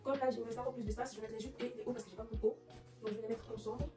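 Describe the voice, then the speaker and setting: A woman with a slightly high, steady voice talks rapid-fire while vlogging casually and tidying her bedroom. French is her second language, and her chatty speech is full of fillers, restarts and English phrases. The audio sounds roomy and distant, with faint music behind her.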